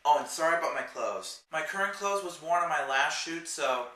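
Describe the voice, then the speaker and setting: A man with a slightly high, sharp voice and lively intonation talks at normal speed through a casual movie review vlog. He's chatty and rambling, wandering into side remarks, and the distant mic gives a roomy echo.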